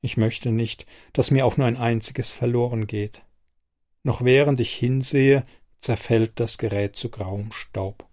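A man narrating an audiobook in a steady, even reading voice. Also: mid-range voice, unhurried, dry recording, studio quality. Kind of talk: scripted narration.

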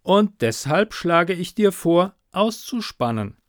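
A man's voice: high-pitched, very animated, slow, no echo, clean studio sound, pitched above the performer's own voice, heavily acted. A man voicing a stern male chief editor, firm and clipped. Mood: dismissive.

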